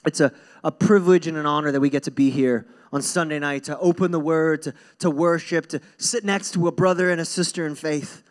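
A young adult man preaches as a pastor from a church hall stage, holding a handheld microphone. His slightly high voice stays steady and brisk with few pauses as he gives an informal, earnest, conversational sermon to the congregation, repeating phrases for emphasis.

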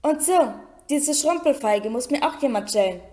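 A woman's voice: high voice, expressive, normal speed, dark tone, voice pushed up. A woman reading aloud and voicing a smug, sneering boy wizard with a mocking drawl. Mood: smug whining.

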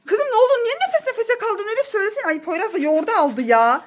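A woman's voice: very high voice, animated, fast talker. A woman in her thirties, a mother filming a family vlog, coaxing her children and talking to viewers in a playful, exclaiming way. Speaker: mother and vlogger.

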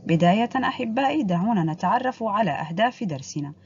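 A woman teacher giving a recorded reading lesson to young pupils, stretching words out slowly for them to repeat and praising them often. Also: medium pitch, animated, darkish tone, slight background noise. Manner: slow drawn-out word drills. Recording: dull lo-fi audio.

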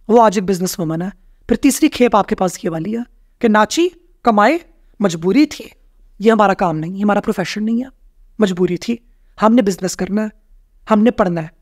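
Woman, podcast guest; emphatic, rhetorical, repeats for stress; mid pitch, dead-dry studio sound. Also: no room sound. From Pakistan. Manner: emphatic, rhetorical questions, repeats key phrases. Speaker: podcast guest, rights activist. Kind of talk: conversational interview.

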